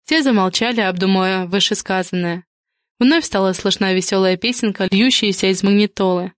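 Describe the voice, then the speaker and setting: A woman narrating a story in an even, unhurried reading style. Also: medium pitch, dry recording, studio quality. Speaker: audiobook narrator. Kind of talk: scripted narration.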